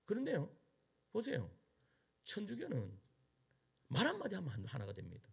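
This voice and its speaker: Emphatic pastor. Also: male voice, high voice, wildly swooping pitch, moderate pace, gravelly, breathy edge. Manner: emphatic preaching with rhetorical questions and call-and-response. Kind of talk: sermon.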